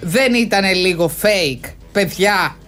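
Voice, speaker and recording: A woman co-hosting a podcast, telling gossip stories in an animated, chatty way. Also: mid-range voice, soft background music. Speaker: podcast co-host. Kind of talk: casual gossip chat.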